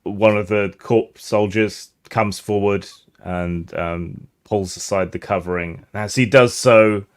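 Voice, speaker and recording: A man's voice: lowish voice, steady tone, slow, smooth. A tired man running a tabletop game as game master, narrating with dry, understated humor.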